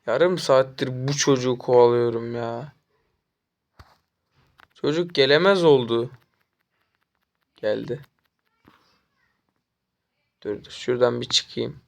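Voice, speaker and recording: A young man from Turkey commentating his own mobile game as he plays, taunting and trash-talking the enemy and getting excitable during chases. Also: mid-range voice, slow pace, vocal fry, pauses often. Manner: excitable, jumps up when chasing. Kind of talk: live gameplay commentary.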